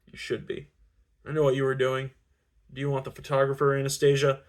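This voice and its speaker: A man reading a romance novel aloud, voicing a controlling, brooding rich young man in a low, hushed, intense tone. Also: completely flat delivery, fairly quick, lightly acted.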